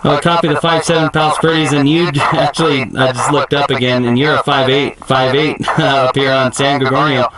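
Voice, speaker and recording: A man's voice: medium pitch, fairly even intonation, a little fast, hardly any pauses, a loud crowd. A man acting as an amateur radio operator outdoors, courteously repeating call signs and signal reports in procedural radio style. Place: outdoors on a mountain summit. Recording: very noisy outdoor recording, radio hiss.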